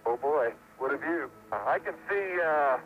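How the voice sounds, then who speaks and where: A man, an astronaut, giving brisk, clipped reports over a crackly space radio link. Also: a little high, expressive, faint music behind. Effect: crackly space radio transmission. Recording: tinny archival radio link from far off.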